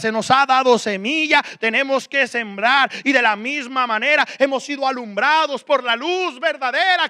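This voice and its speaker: A man preaching a sermon as pastor, moving between loud emphatic passages and quiet asides. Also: extremely high pitch, smooth, no room sound, studio quality.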